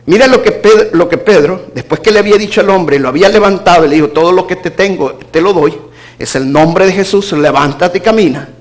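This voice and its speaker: A man preaching a sermon as pastor, moving between emphatic declarations and hushed low asides. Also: fairly quick.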